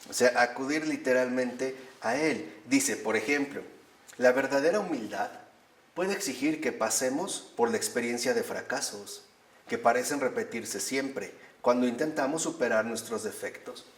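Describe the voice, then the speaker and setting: A man's voice: medium pitch, normal speed, far from the mic. Man preaching in an echoey room. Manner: asks the audience questions and answers them, emphatic. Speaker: speaker giving a talk on recovery steps and meditation. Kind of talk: spiritual talk with audience questions.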